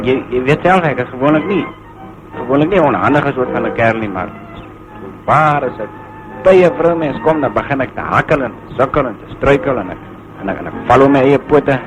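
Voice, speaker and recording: A man's voice: medium pitch, expressive, a little fast, music in the background, lightly acted, low-quality recording. A man playing a shy stammering young farmer. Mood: sheepish. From South Africa. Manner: hesitant, stammering. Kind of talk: 1950s film comedy acting.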